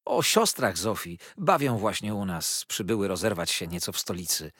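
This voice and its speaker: A man's voice: low voice, sing-song, normal speed, fairly bright tone, breathy edge, no room sound, studio quality, exaggerated voice. A man voicing an effusive young male lawyer who gushes and fires off questions, as a storybook reader. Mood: cheerful. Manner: gushing, breathless, showers questions.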